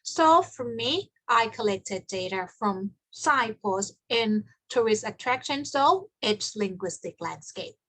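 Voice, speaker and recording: A Thai researcher, a native Thai speaker from Thailand, presents her study at an academic conference in a measured, explanatory, slightly formal way. Her fairly high voice has an animated, fairly bright tone. The recording is dry and close, without any room echo.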